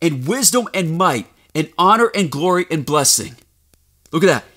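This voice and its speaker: A man preaching a fervent sermon, reading scripture aloud and rising to shouts as he rebukes his listeners. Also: a little high, animated, normal speed.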